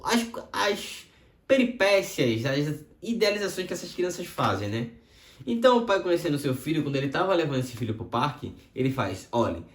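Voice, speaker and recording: A man teaching from the Bible and telling a story with a lot of expression. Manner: expressive storytelling with swings in pitch. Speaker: preacher. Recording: roomy echo.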